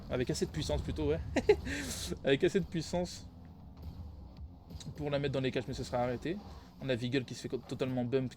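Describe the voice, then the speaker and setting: A man's voice: mid-range voice, a little mellow, a little hiss or hum. Tired man rambling through game commentary. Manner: rambling, self-correcting, laughs at own slips. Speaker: esports caster.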